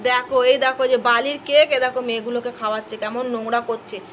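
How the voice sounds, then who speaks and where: A woman's voice: a little high, level tone, fast, slight background noise. A young woman filming a casual family vlog, chatting with her child and the viewers, teasing and scolding by turns. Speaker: mother and vlogger.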